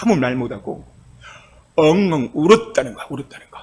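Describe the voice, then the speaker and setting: A male pastor preaching a sermon with passion, moving from soft, quiet passages to loud cries. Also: on the high side, sing-song, brisk, breathy edge. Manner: impassioned preaching, swinging from soft to shouting.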